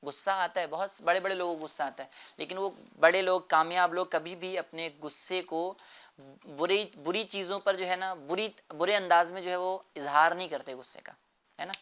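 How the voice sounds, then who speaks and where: A man's voice: high-pitched, steady tone, fairly bright tone. A man explaining a moral lesson to children in an earnest way, repeating phrases and often checking with "right?".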